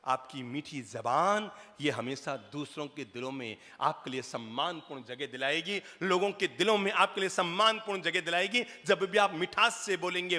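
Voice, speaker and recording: Bright-voiced preacher in a hall. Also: male voice, high voice. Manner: lively, repeats key phrases, asks the audience questions. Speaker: spiritual teacher. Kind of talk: storytelling sermon. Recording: long reverb of a hall.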